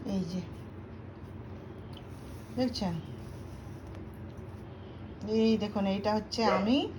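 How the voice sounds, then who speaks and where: A middle-aged woman chatting to her viewers in a homely family vlog, telling stories from her kitchen. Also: mid-range voice. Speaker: family vlogger. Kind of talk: casual home vlog chat. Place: home kitchen. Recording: slightly distant mic, faint room noise.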